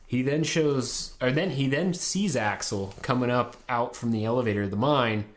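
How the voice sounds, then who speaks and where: A man's voice: medium pitch, normal speed. Male podcast host, easygoing plot-recap delivery, crude humor. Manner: laid-back plot recap with crude jokes. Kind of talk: casual film review chat.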